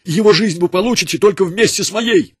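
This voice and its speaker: A man voicing a desperate young mother who cries out and pleads to save her son, in a husky voice. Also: high-pitched, fairly quick, no echo, clean studio sound, voice pushed up. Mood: defiant. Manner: pleading and crying out.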